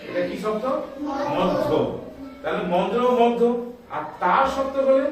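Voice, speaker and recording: A man's voice: sits high, measured pace, heavy reverb, far from the mic. A man teaching schoolchildren a music lesson, explaining step by step, calling out scale notes and scolding the chatty ones. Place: school classroom.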